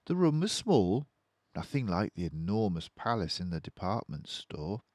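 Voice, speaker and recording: An older man with a low voice reads a children's story aloud. He takes his time with deliberate, dramatic emphasis and a lively, swinging intonation. The sound is dry and close. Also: dry recording.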